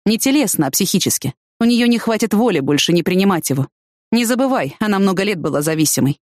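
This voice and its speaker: A woman reading an audiobook, voicing a blunt, hot-tempered young man who speaks in a gruff, matter-of-fact way. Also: mid-range voice, expressive, fast, darkish tone, no echo, studio quality, lightly acted.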